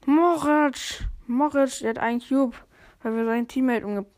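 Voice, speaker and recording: A woman with a fairly high voice commentates on the game being played. The delivery is casual and chatty, full of gamer slang, as if thinking aloud while playing. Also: fairly even intonation, fairly quick, darkish tone. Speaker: gamer commentating own play. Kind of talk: casual let's play commentary.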